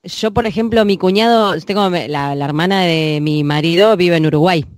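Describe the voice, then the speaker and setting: A woman with a Buenos Aires accent, co-hosting an interview, chatting in a lively way and laughing often. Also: fairly low pitch, moderate pace, no room sound, clean studio sound. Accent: Buenos Aires Spanish. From Argentina. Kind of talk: casual chat.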